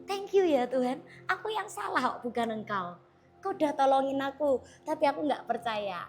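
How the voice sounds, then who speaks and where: A woman's voice: high voice, moderate pace, soft background music. A woman pastor in her thirties giving a sermon with a personal testimony, telling it casually and acting out conversations. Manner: animated storytelling, acting out dialogue; casual, chatty.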